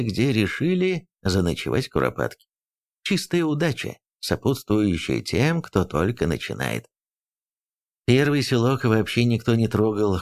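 Male audiobook narrator with lively pitch. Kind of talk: scripted narration.

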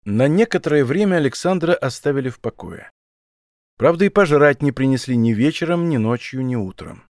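A man reading a story aloud as an audiobook narrator in an even storytelling manner. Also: mid-range voice, no echo, clean studio sound. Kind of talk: scripted narration.

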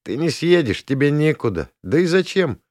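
A man's voice: fairly high pitch, big pitch swings, moderate pace, darkish tone, no room sound, clean studio sound, pitched above the performer's own voice. A man voicing a whiny, touchy young male student, plaintive and complaining. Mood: sulky.

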